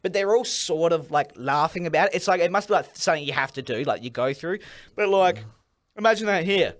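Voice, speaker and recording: A young man with a high voice talks through a story in loose, rambling podcast banter. He swears freely and laughs a lot. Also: animated, a little fast. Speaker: podcast co-host. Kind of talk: casual banter.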